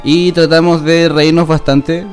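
A man's voice: a little high, flat delivery, unhurried, soft background music. A young man with a Chilean accent co-hosting a podcast with joking, slangy banter and frequent laughter. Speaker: podcast co-host. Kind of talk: casual comedic banter.

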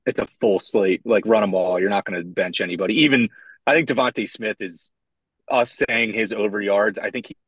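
A low-pitched man calls in over a phone line, his voice dry and close with no room around it. He rambles loosely and swears casually as a podcast co-host, speaking from inside a parked car. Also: brisk, a bit bright, husky, no echo. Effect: talking over a phone line. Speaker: co-host of a sports betting podcast. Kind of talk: casual chat.

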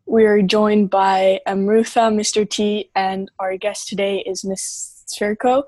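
A woman hosting a podcast and asking interview questions in a brisk manner. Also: mid-range voice, little pitch movement, a little mellow, no room sound. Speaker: podcast host.

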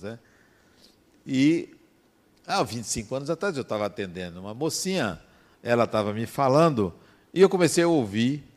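Animated man telling stories. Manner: animated storyteller, swings between soft asides and sudden high emphasis. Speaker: psychologist giving a spiritual talk. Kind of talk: reflective talk with personal anecdotes.

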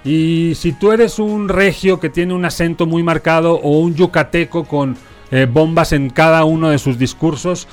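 A man from Spain with a softened Spanish accent, hosting a casual talk show and explaining points in a measured way. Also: fairly high pitch, steady tone, soft background music. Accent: Spanish, softened toward neutral Mexican. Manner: explanatory, measured, often tags "¿no?". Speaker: host. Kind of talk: casual radio-style chat.

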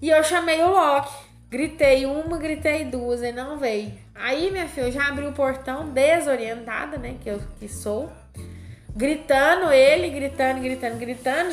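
A woman's voice: high voice, echoey room. A woman, co-hosting a casual chat and telling a personal story with lots of drama.

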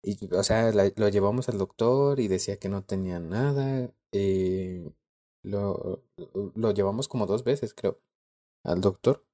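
A young man with a Mexican Spanish accent tells a story as a podcast co-host. His voice sits low, with a dark, mellow tone. He talks in slang and laughs often. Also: unhurried. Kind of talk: casual chat.

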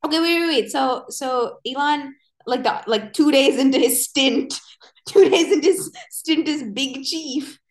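Higher-voiced woman chatting casually on a podcast. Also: a little slow. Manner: opinionated, slangy, informal. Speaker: podcast co-host.

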